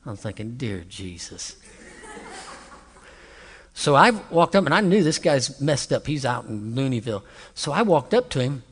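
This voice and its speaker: A middle-aged male pastor tells a story from the pulpit, lively and chatty, turning to his listeners now and then. His voice sits a bit high for a man, and it rings with a long hall reverb. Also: a little fast, husky. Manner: animated, conversational, with asides to the audience. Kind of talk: storytelling sermon.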